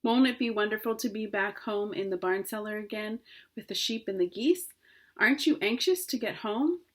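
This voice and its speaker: A woman voicing an anxious, earnest young male pig who pleads in a high, emotional voice. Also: normal speed, lightly acted. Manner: pleading, rises high and loud when upset.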